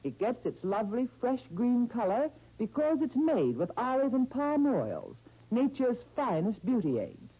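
A woman's voice: sing-song, unhurried, husky. Woman's coaxing soap ad on old radio. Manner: coaxing, intimate sales pitch. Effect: old radio broadcast sound. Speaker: commercial announcer. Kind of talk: 1930s radio soap commercial. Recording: dull old radio recording.

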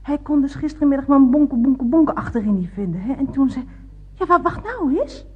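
A woman's voice: high-pitched, expressive, fairly quick, narrow, tinny audio. An actress playing a scatterbrained, chatty woman motorist rambling on the phone in a radio comedy. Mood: chattering. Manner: gushing, giggly, rambling.

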